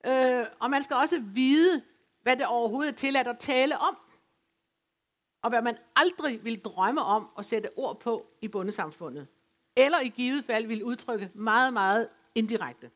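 A woman from West Funen giving an academic lecture, speaking in a measured, explanatory way with occasional hesitations. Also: a little high, lively intonation. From West Funen, Denmark. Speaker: lecturer on dialect literature. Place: folk high school lecture venue.

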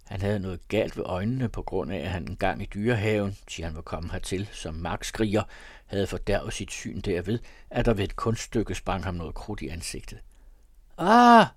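A man reading a classic novel aloud, measured and expressive. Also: low-pitched, husky, dry recording, clean studio sound. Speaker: reader.

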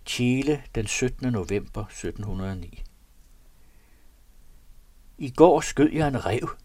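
A man narrates entries from an old diary in a measured, earnest reading voice. His pitch sits in an ordinary middle range. The sound is dry and close. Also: animated, darkish tone, dry recording. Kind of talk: reading a period diary aloud.

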